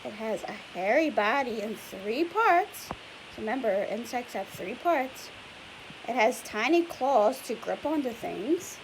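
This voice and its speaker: A young teacher reads a picture book to children at a measured pace, her lively voice a bit high and rising and falling. She's chatty, explains as she goes, and asks the kids lots of questions. The low-quality recording has a faint hiss.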